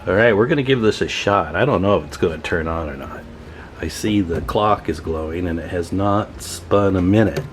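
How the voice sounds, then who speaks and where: Over music, a man with a deep voice hosts a radio repair video, tinkering at his indoor workbench. He speaks at a normal speed, keeping his commentary to viewers informal and folksy.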